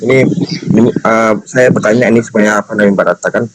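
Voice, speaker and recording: Low-voiced hesitant man in his thirties. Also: flat delivery, fast, very noisy. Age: 30s. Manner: polite, hesitant. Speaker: caller with a question.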